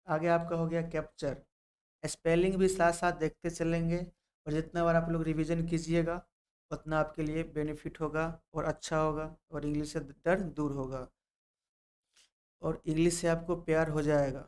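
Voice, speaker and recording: A man's voice: on the high side, level tone, normal speed, darkish tone, smooth. A man teaches English word meanings, repeating each word and spelling it out letter by letter. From Bihar, India. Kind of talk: vocabulary lesson.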